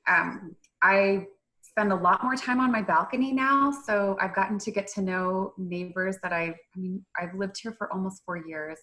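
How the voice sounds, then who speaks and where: A woman guest on a video call, talking casually and a bit hesitantly, with ums and pauses. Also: medium pitch, bright, forceful tone, poor audio. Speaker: panel guest.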